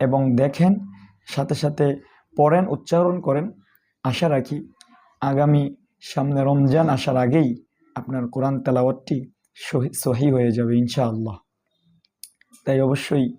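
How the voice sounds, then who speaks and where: Slow-spoken teacher, a man. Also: medium pitch, warm tone. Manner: slow and deliberate, pronouncing Arabic letters carefully one by one. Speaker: Quran teacher. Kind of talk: recorded online lesson.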